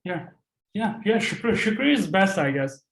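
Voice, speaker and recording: In a very echoey recording, a man with a slightly high voice leads an informal lesson. He speaks English as a second language, haltingly, repeating phrases as he puts questions to the group. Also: big pitch swings, a bit bright. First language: not English. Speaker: host leading a career session.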